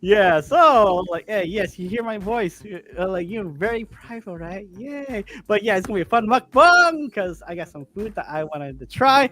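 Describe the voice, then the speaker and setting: A man's voice: high voice, expressive, normal speed, few pauses, pushed and bright. A man hosting a casual food stream, rambling and upbeat with many fillers. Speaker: host of a mukbang stream.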